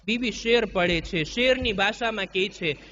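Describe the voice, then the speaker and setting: A man preaching a mourning sermon, slow and chanting, breaking into sung verses. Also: sits high, sharp tone, lo-fi sound, slight background noise. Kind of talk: majlis sermon.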